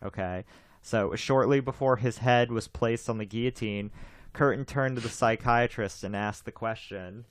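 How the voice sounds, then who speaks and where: A man's voice: mid-range voice, normal speed, no echo, studio quality. A man in his twenties hosting a podcast in casual chat, rambling, repeating himself and laughing often. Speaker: podcast host.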